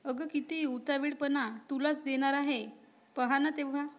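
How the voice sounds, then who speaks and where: A woman voicing a gruff young male college student who scolds bluntly but cares. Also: high-pitched, steady tone, normal speed, a bit bright. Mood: teasing. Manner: scolding, blunt, secretly caring.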